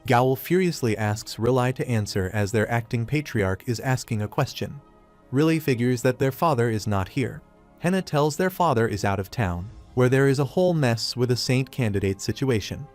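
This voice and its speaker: A man narrating a comic recap in a steady, even storytelling voice. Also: mid-range voice, normal speed. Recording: faint music behind.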